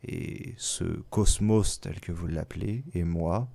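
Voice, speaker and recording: Man playing aloof spirit watcher, low voice, slow hushed measured words. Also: gravelly, no room sound, full character voice. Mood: hushed, enigmatic.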